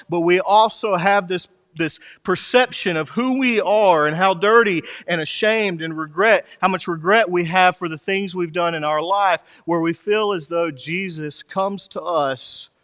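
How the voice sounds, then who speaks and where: Man preaching slow in a big echoey church, high-ish voice, swells up and drops soft. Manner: impassioned preaching, rising and falling. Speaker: pastor. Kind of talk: sermon. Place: church sanctuary. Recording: reverberant hall.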